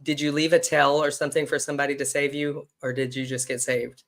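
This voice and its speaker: A man's voice: on the high side, little pitch movement, fast talker, a bit bright. A man hosting a casual podcast conversation, chatty, blunt and teasing with his guest. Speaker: podcast host.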